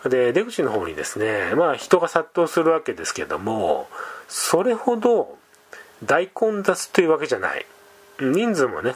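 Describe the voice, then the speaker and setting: A man telling a scary story in a relaxed, rambling way, full of pauses and conversational asides. His voice is a little husky, and his pitch rises and falls a lot. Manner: rambling, many fillers and restarts, conversational asides. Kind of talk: casual spoken scary story.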